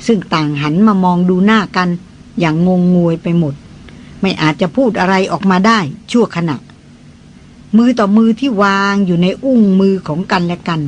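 Measured Thai audiobook narrator. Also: medium pitch, a little hiss or hum. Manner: measured, even reading. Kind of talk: novel narration.

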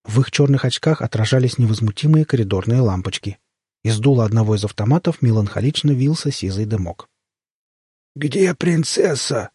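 A man narrating a humorous story in a wry, expressive reading voice, with a husky tone. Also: fairly low pitch, quick pace, no room sound, clean studio sound. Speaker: audiobook narrator.

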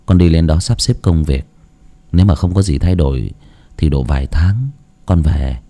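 A man voicing a middle-aged father, gentle but firm, giving low, warm advice. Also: moderate pace, vocal fry, full character voice. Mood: tender.

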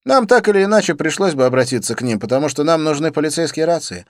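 A man doing an eager, excitable young racer. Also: fairly high pitch, quick pace, dry recording, clean studio sound, voice pushed up, close to an everyday voice. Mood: excited. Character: eager young man caught up in a street race.

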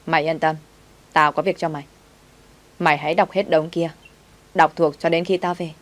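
A bossy young rich master barks orders and scolds his servant in a lowish, commanding voice, read by a woman narrator. He is gruff and impatient. It sounds like an audiobook story. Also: steady tone, moderate pace, lightly acted. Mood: scolding.

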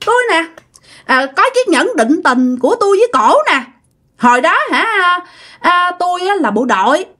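Woman voicing a shrill defiant soldier ghost. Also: big pitch swings, normal speed, sharp tone, full character voice. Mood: boastful. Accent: Southern Vietnamese (Mekong Delta). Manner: shrill, insistent, taunting. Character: spirit of a dead male soldier, possessive and defiant.

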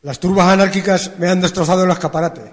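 An actor playing a self-righteous, aggrieved shopkeeper in a radio drama, scornful of the mob. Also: male voice, sits high, steady tone, fast, natural voice. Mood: indignant. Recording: reverberant hall.

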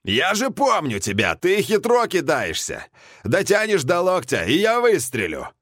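A man's voice: high voice, wildly swooping pitch, measured pace, fairly bright tone, no room sound, studio quality, voice pushed up, full character voice. A man voicing a hostile elderly helicopter pilot who barks harsh orders. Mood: threatening.

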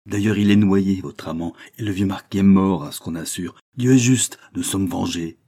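Un homme jouant une comtesse furieuse. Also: male voice, deep voice, steady tone, moderate pace, breathy edge. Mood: scornful. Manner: shouting, scornful, wrathful tirades. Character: furious proud aristocratic older countess.

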